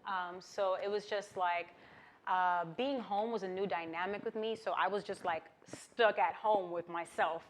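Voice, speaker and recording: A woman's voice: mid-range voice, fairly even intonation, unhurried, a little hiss or hum. A woman from Queens, talking candidly and casually as an interview guest, often saying "like" and "you know". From Queens, New York, USA. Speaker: interview guest, singer-songwriter.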